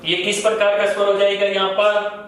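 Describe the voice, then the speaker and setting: In this grammar class, the man asks questions only to answer them himself, driving key terms home through repetition. He speaks at a moderate pace in a high-pitched, fairly bright monotone, captured far from the mic in a very echoey room with faint noise.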